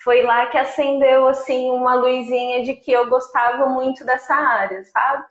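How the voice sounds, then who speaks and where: Over echoey, dull remote-call audio, the same forty-year-old nutritionist from Brazil shares her story in a relaxed, conversational live chat. This time her high voice holds a steady tone at a moderate pace.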